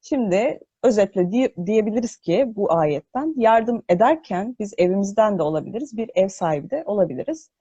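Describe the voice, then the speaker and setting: A woman explaining scripture in an unscripted religious talk, hesitant and pausing to think as she explains, with her voice echoing. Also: mid-range voice, expressive, warm tone, slightly rough. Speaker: host of a religious discussion broadcast. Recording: echoing voice, muffled online audio.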